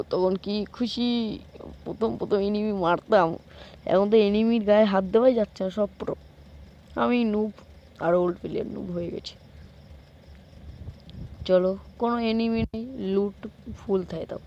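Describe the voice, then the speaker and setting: A man giving live gameplay commentary, excitable, urging himself on with quick repeated commands and joking about himself to viewers. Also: sits high, gravelly, muffled recording. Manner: self-mocking asides to viewers. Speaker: gameplay streamer.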